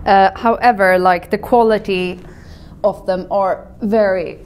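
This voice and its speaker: A woman's voice: mid-range voice, steady tone, unhurried, darkish tone, clear, resonant tone. Upbeat young woman vlog host. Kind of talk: casual vlog presenting to camera. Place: bare farmhouse room.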